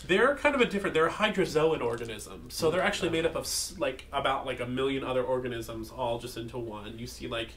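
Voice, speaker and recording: A man's voice: mid-range voice, fast, hardly any pauses, fairly bright tone, a little hiss or hum. A man narrating a tabletop game as game master, casual and rambling.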